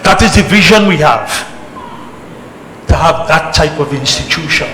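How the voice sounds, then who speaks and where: A leader of a religious organisation, born in Trinidad and raised early on in England, gives an emphatic public speech at a temple celebration, amplified to a community gathering. His bright, animated voice sits on the high side, delivering deliberate oratory in short, repeated phrases. The echoey hall PA carries a noisy background.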